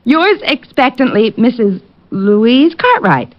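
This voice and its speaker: Lively, teasing American sweetheart, muffled old radio. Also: female voice, on the high side, slow, exaggerated voice. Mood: reading archly.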